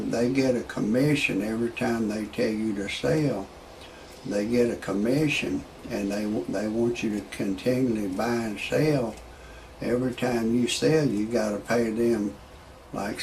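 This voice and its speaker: A video blogger in his sixties rambles in a creaky, darkish mid-range voice, repeating words as he searches for a point, moving from opinions to stand-up jokes. The recording is rough, with slight background noise.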